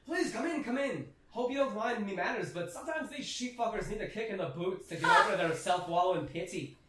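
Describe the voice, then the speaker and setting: A man's voice: high-pitched, expressive, a little fast, heavy background noise, pitched above the performer's own voice. A man voicing a brash, foul-mouthed dwarven woman who runs an inn, bossing people around and swearing constantly. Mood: gruff welcoming. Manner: crude, bossy, swears constantly. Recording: echoey room, distant mic.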